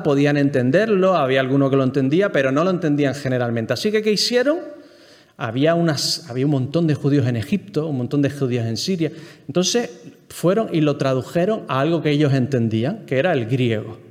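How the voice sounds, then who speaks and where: Higher-voiced Spanish man teaching in a hall. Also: animated, fairly quick. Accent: Spain Spanish. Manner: explanatory, keeps checking in with the listeners and asking them questions. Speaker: Bible teacher. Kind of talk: Bible class lecture to a group.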